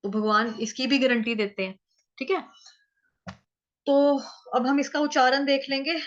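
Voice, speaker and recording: A woman teaching how to chant a Sanskrit verse, breaking words into syllables, repeating them slowly and answering her own questions. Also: sits high, steady tone, lo-fi sound. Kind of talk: pronunciation lesson in Hindi.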